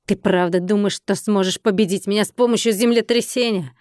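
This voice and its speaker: A woman playing a haughty, shrill brothel madam. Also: steady tone, brisk, a little mellow, no room sound, clean studio sound, close to an everyday voice. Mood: scornful. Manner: snapping, mocking.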